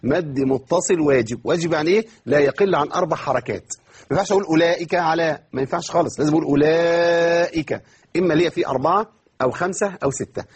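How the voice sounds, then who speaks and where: Speaking fast in a very husky voice that sits a little high, a man with an Egyptian Arabic accent teaches Quran recitation in an online class. He asks himself questions, answers them, and slowly stretches words to demonstrate.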